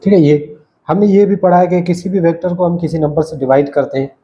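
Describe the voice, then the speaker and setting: A man's voice: fairly high pitch, fairly even intonation, a little fast, mellow. A man teaching a lecture at a writing board, explaining patiently and repeating himself with frequent checks that his students are following. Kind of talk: recorded lecture. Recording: dull lo-fi recording.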